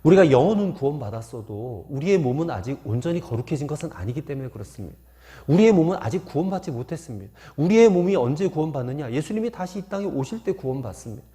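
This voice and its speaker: A man's voice: fairly high pitch, sing-song, fast, mellow. A man preaching a sermon as pastor, telling folksy stories and posing rhetorical questions to the congregation. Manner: folksy storytelling with anecdotes.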